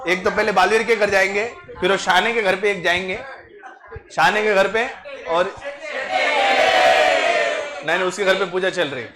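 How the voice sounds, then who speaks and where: High-voiced joking lecturer. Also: male voice, fairly even intonation, normal speed, long pauses. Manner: bantering, joking with students. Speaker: finance lecturer. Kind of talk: classroom lecture. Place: classroom. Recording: noisy classroom crowd. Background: students chatting.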